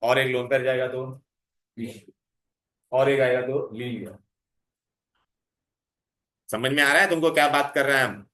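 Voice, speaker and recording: Male chemistry tutor, mid-pitch, quizzing pupils nonstop; roomy echo, bits. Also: steady tone, unhurried, long pauses, bright, forceful tone. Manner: coaxing, calls students "beta", quizzes them constantly. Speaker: chemistry teacher. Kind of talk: revision lecture to students. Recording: echoey room.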